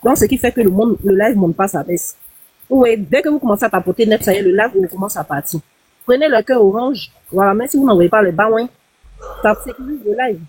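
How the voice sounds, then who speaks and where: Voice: medium pitch, animated, darkish tone, breathy edge, dry recording, low-quality recording. A live-stream moderator urging viewers to tap and share. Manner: urging viewers, quick and brisk.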